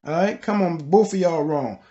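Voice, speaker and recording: Higher-voiced man. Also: normal speed, mellow, lo-fi sound. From southeastern United States. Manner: argumentative, colloquial, with rhetorical questions and repeated "all right?". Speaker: presenter. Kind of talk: casual, opinionated history commentary.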